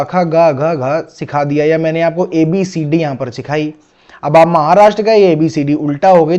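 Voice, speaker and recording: A man teaching an exam-prep class, his voice sitting a little high for a man. He keeps asking questions and then answering them himself, patiently walking through each point. The recording sounds dull and lo-fi. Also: darkish tone.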